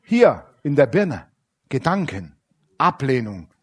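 A man preaching a lively, colloquial sermon, switching between loud emphasis and quiet asides. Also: medium pitch, takes it slowly, slightly rough.

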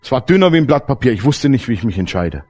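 A man preaching a sermon, blunt and earthy, swinging between loud emphatic outbursts and hushed low passages. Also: sing-song, fast, husky. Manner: blunt, earthy everyday language. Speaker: pastor.

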